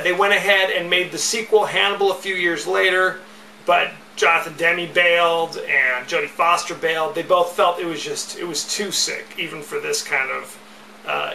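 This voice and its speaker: Man, casual solo podcast talk, high voice, echoey room, far from the mic. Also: vocal fry, bright, forceful tone, slight background noise. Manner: chatty, rambling, repeats catchphrases. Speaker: podcast host.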